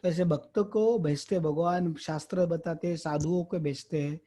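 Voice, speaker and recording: A man gives an online spiritual lesson in an earnest, explaining way, posing rhetorical questions as he goes. His voice sits fairly high yet sounds mellow and husky. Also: steady tone, moderate pace. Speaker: spiritual teacher answering questions. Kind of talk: online Q&A lecture, Hindi mixed with English. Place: online class.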